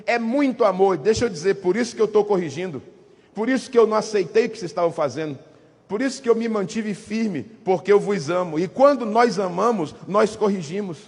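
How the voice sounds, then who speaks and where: A man preaching a sermon to his congregation, building to emphatic repeated phrases and dropping into soft tender asides. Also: expressive, brisk. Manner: softens into low tender asides when voicing fatherly love. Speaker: pastor. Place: church sanctuary. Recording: husky voice with long hall reverb.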